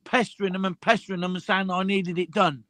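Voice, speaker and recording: Bright, high-voiced man in his fifties. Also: steady tone, fast talker, no echo. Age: 50s. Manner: stammering, repeats himself. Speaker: group chat participant. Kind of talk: casual group chat.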